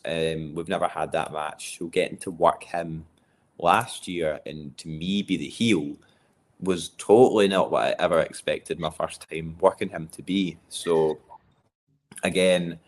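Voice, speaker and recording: A man with a posh Scottish accent chatting casually in an interview, jokey and self-deprecating. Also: sits low. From Largs, Scotland. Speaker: wrestler being interviewed. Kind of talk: casual chat.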